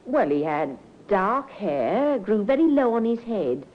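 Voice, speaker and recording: An actress playing an opinionated, suspicious middle-aged local witness in a 1950s radio drama, chatty, emphatic and disapproving. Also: female voice, medium pitch, very animated, slow pace. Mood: recollecting. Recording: muffled, faintly noisy 1950s radio recording.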